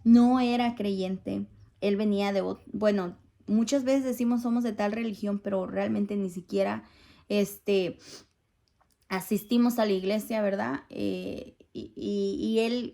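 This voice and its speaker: A woman's voice: mid-range voice, steady tone, unhurried, gravelly, dark tone. A middle-aged woman giving an earnest, pleading testimony to a congregation at church. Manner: earnest, pleading, asks listeners for agreement.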